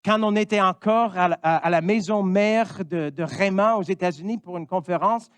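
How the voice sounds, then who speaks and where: A man's voice: high voice, normal speed, clear, resonant tone, no room sound. A man in his fifties from Missouri, a pastor, preaching a sermon in an earnest way and often saying amen. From Missouri, United States.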